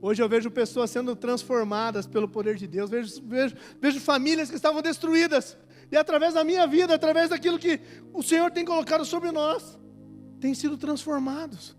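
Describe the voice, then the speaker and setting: A middle-aged man from Brazil preaching a sermon as pastor, swinging from hushed tones to shouting. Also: very high voice, fairly even intonation, fairly quick. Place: large church hall at a conference. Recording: hall reverb with music under it.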